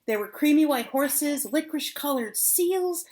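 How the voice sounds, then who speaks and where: An older woman, a grandmother, reading a children's storybook aloud with deliberate, dramatic phrasing and drawn-out words. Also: sits high, animated, darkish tone.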